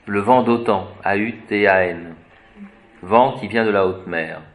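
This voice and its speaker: Slow-talking man explaining word origins. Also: on the low side. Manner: spells out words letter by letter, muses aloud; hesitant, searches for words with fillers. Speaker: etymology teacher. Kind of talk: unscripted etymology lecture.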